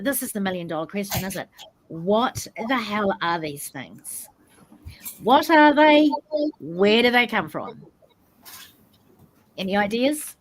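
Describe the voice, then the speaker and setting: A woman's voice: mid-range voice, poor audio. A woman with a New Zealand accent hosting a casual podcast discussion in a chatty, informal way. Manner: chatty, informal, greets in Maori. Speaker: podcast host.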